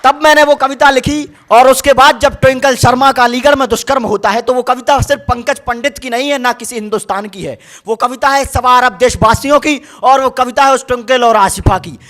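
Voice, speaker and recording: A man's voice: very high voice, fairly quick, few pauses, fairly bright tone. A young man reciting poetry on a university stage, impassioned and chanting his verses with rising force. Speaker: poet.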